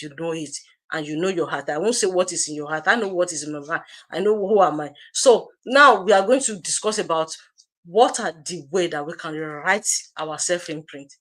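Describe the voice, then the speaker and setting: A woman's voice: sits low, fairly bright tone. A woman co-hosting a livestream, giving an emphatic motivational talk straight to her viewers and repeating phrases to drive them home. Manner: direct, addresses viewers as you. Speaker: co-host of an online business community livestream.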